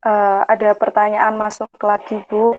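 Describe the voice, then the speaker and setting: A woman's voice: medium pitch, monotone, normal speed, slight background noise. A young woman moderating, politely reading out audience questions with some hesitation. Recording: dry tinny phone-like call.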